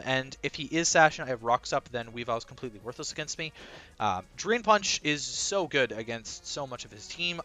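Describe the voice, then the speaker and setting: A man's voice: fairly high pitch, sharp tone. A man talking casually as a team coach, explaining his strategy in a rambling way full of ums and uhs.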